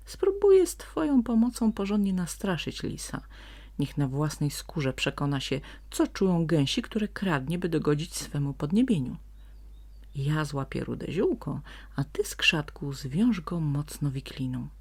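A woman voicing a calm, wily male donkey who speaks steadily and firmly while pretending to threaten. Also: low-pitched, a little slow, exaggerated voice. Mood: mock-threatening. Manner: steady and firm, feigning menace.

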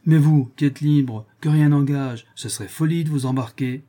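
A man's voice: fairly high pitch, normal speed, dark tone, voice pushed up, lightly acted. A man reading an audiobook, voicing a frank, superstitious sailor who talks bluntly and earnestly. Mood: grave. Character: frank superstitious old-time male sailor.

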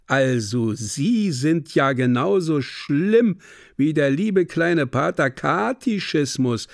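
A man playing a young rake in a radio play who mimics a prissy, coy woman in a mincing, drawn-out way. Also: a little high, lively intonation, gravelly, dry recording, clean studio sound, heavily acted. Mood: mock-coy.

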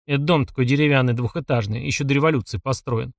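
A man's voice: mid-range voice, quick pace, vocal fry, no echo, studio quality, natural voice. A man reading an audiobook and voicing a sly, chatty driver in his thirties who teases and questions. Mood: probing. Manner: chatty, teasing, probing.

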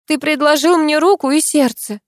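A woman reading an audiobook, voicing a sweetly scheming young woman who speaks in a bright, coaxing, sugary way. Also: sits high, moderate pace, no room sound, clean studio sound, voice pushed up, close to an everyday voice.

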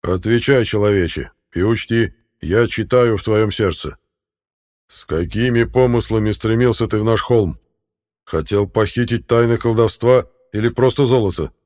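A man voicing a male fairy ruler who speaks in a measured, commanding way. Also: lowish voice, darkish tone, natural voice. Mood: stern.

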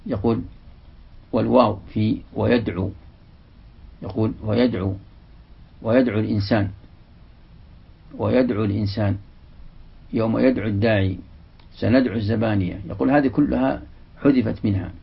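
A man giving a religious lesson, reading a passage from a classical text and then explaining it slowly, repeating the example words. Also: medium pitch, vocal fry, husky. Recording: dull, lo-fi lecture recording.

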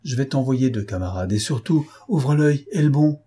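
A man's voice: mid-range voice, normal speed, dark tone, breathy edge, natural voice. A man reading an audiobook, voicing a commanding male police chief who presses and gives orders. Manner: urgent, commanding.

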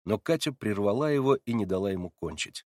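A man reading a classic novel aloud in measured, even literary narration. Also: fairly low pitch, dry recording, clean studio sound. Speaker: audiobook reader.

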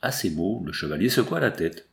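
A man reading a classic novel aloud as an audiobook narrator, in measured, even storytelling. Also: low voice, gravelly, roomy sound. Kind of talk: scripted narration.

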